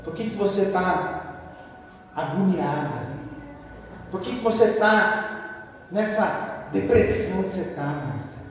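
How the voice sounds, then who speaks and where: A man voicing a calm, gentle man who rebukes softly with slow, low questions. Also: slight background noise, heavily acted. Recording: echoey hall from far off, music behind.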